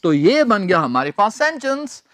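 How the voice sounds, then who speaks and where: A man teaching English grammar in a recorded lecture, speaking deliberately, spelling words letter by letter and repeating key phrases. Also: high voice, big pitch swings, a bit bright, no echo.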